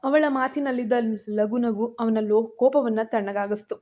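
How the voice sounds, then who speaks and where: A woman narrating a story in a steady, even reading. Her voice is fairly high and sounds warm and mellow. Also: normal speed.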